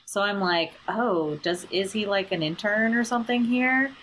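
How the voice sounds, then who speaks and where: A woman's voice: medium pitch, moderate pace, fairly bright tone, slight background noise. A woman in casual book-club chat, chatty and enthusiastic, saying "like" a lot. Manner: chatty, enthusiastic, says "like" often. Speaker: book club podcast co-host.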